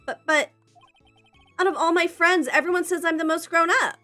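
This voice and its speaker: An earnest, naive young man in college , as a woman voices him while reading a game aloud. He talks eagerly with little hesitant stammers, in a high, bright voice. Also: expressive, normal speed, faint music behind.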